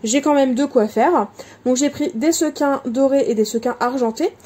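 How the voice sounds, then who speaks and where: Her voice is high, mellow, and husky, and she speaks at a moderate pace. This woman runs a laid-back crafting vlog, showing her supplies and chatting away with frequent fillers and corrections of herself.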